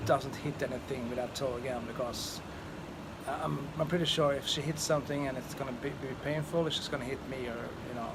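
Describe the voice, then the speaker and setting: A man with a Swedish accent giving a casual, rambling vlog update in a halting, hesitant way. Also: mid-range voice, steady tone. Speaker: vlogger. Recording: loud outdoor ambient noise.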